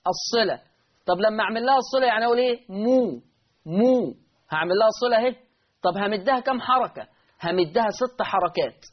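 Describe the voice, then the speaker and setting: Man, Egyptian accent, high voice, recitation teacher, repeats terms, dull lo-fi sound. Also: racing. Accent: Egyptian Arabic. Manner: repeats key terms, asks and answers his own questions. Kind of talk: online tajweed lesson.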